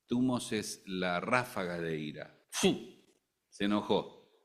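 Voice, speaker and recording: An older man from Argentina with an Argentine Spanish accent, preaching a sermon in an animated way, with joking asides and bursts of loud emphasis. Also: sits low, a little slow.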